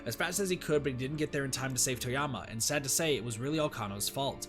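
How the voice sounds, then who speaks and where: A man's voice: medium pitch, fast, music in the background. A young man streaming, reading a visual novel aloud with casual commentary. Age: young adult. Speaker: game streamer.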